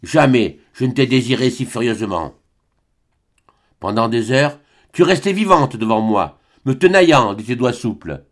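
A man doing a weary young lover, calm and even. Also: normal speed, natural voice. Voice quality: even, subdued, low voice. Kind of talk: audiobook character reading.

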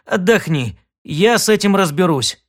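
A man voicing an indignant, belligerent grown-up citizen who makes loud demands. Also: high-pitched, animated, normal speed, voice pushed up. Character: Sid, indignant respectable male citizen.

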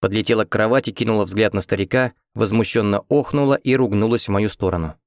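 A man narrating an audiobook in the first person with a steady, even reading. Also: fairly low pitch, quick pace, no echo, studio quality. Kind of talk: scripted narration.

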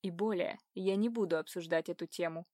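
Woman doing a stern, possessive young man; slow, cold, low delivery; dry close recording. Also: lively intonation, dry recording, natural voice.

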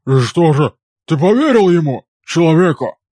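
Man doing a growling, hoarse orc king. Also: a little high, very animated, moderate pace, darkish tone, no echo, clean studio sound, voice pushed up. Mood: suspicious. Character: defeated, distrustful male orc king. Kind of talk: audiobook character voice.

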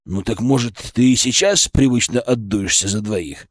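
A man's voice: medium pitch, normal speed, dry recording, studio quality, pitched below the performer's own voice, close to an everyday voice. A man doing a sardonic, grumbling doctor. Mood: grumbling sarcastic. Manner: sarcastic, grumbling. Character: sardonic, nervous male department head, middle-aged.

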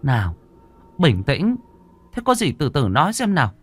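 A man voicing an old mother who speaks calmly and reassuringly. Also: on the high side, moderate pace, slightly rough, no room sound, pitched above the performer's own voice, heavily acted. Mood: calming. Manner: calm, reassuring.

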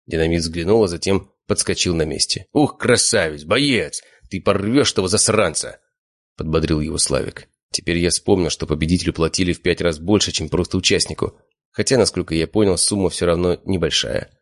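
Male audiobook narrator, very low voice, steady first-person telling. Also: a little fast.

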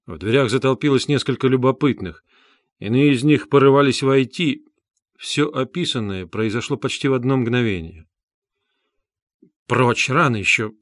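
A man narrating a classic novel in an even, measured reading. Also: mid-range voice, dry recording, studio quality. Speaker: audiobook narrator. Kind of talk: scripted narration.

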